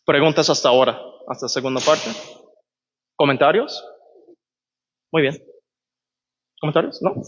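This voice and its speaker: Speaking at a moderate pace with lively intonation and long pauses, a pastor teaches a sermon in a church hall, his voice a little high and a bit bright. He keeps things conversational and regularly asks "¿verdad?" The recording is dull, with long church reverb and slight background noise.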